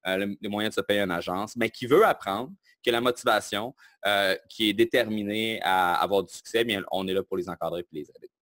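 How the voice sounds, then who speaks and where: A man with a Québécois French accent talks in a lowish voice, sounding self-assured and lively as he explains things plainly. The recording is dry and close, with no room sound around him. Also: dry recording. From Quebec, Canada. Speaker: guest, online marketing entrepreneur. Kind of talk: casual interview talk.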